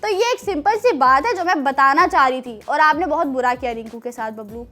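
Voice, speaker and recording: A young woman with a Pakistani accent hosts a children's show, presenting and telling stories in an animated, expressive way. Her voice sits high and is bright and forceful, moving a little fast.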